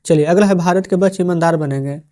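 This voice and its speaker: Slightly high, quick, and mellow, this man's voice belongs to a teacher dictating a translation lesson word by word. He often checks in with his viewers, addressing them as friends as he reads out the answers.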